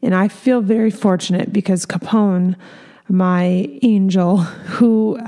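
Woman, 30s, hairstylist and salon owner; candid, earnest casual podcast talk, soft darker tone. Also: mid-range voice, steady tone, takes it slowly. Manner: earnest, candid, lots of fillers.

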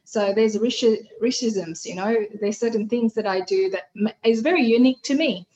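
This guest's voice is a little high with a dark tone and a moderate pace, and the recording's highs are cut off. She is a middle-aged woman from Fiji whose native language is Hindi, chatting animatedly in a casual interview with many fillers and false starts.

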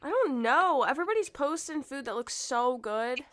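A hoarse woman co-hosting a podcast, chatting casually with a relaxed, wry manner. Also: sits high, moderate pace, no room sound. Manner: relaxed, wry back-and-forth. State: hoarse from a virus. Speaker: podcast co-host. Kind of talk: casual chat.

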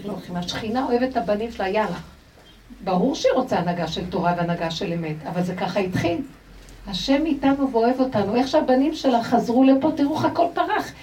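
A woman gives an animated religious lecture in a high voice, often turning to her listeners with rhetorical questions. She is caught from some distance off the mic. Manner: expressive, rhetorical questions to the audience. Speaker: Torah teacher.

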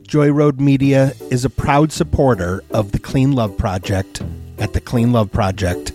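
A man reading a scripted announcement in an earnest, steady way. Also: mid-range voice, measured pace, soft background music.

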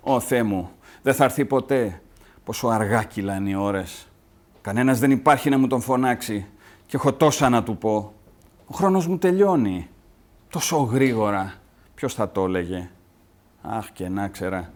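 A man reading the part of a dying old peasant mother, tender and fretful, in a soft, subdued voice. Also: on the low side, lively intonation, pauses often, natural voice. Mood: anxious. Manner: read aloud from a play translation.

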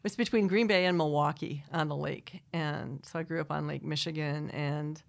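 A middle-aged woman from Wisconsin with a Wisconsin accent talks into a studio microphone in a slightly low voice. She rambles through long, self-interrupting answers and laughs easily between thoughts. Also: fairly even intonation, normal speed, gravelly. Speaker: singer-songwriter guest. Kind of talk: casual interview chat.

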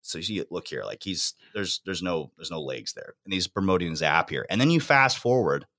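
A man's voice: low voice, animated, normal speed, sharp tone. A young man hosting a fitness podcast in casual, slangy chat, laughing often. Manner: laid-back, laughing, slangy.

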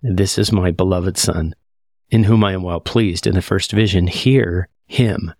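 A man's voice: low-pitched, a little slow, darkish tone. A man teaching a conversational scripture lesson, earnest and reflective, often quoting verses aloud.

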